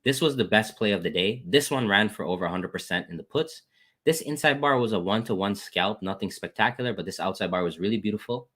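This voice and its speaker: This fast-talking man, fairly bright in tone, is a trading educator casually taking viewers through his trades on screen share. He repeats "guys" and "boom" as he calls out wins, and he thanks people in the chat.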